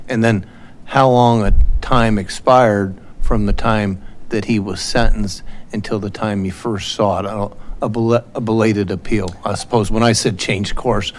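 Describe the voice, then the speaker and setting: A man questioning from the bench as a judge, in an informal, halting, rambling way. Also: lowish voice, steady tone. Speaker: appellate judge. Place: courtroom. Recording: clearly noisy courtroom recording.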